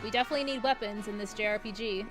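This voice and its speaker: A woman's voice: mid-range voice, very fast. A woman streaming a game live, chatting bubbly and giggly, reading out viewer comments and humming along. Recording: game music playing behind.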